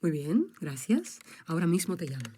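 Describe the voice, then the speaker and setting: A mellow, businesslike receptionist. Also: female voice, fairly low pitch, sing-song, normal speed, slightly rough. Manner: short, businesslike questions. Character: calm female receptionist. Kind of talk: scripted textbook audio dialogue.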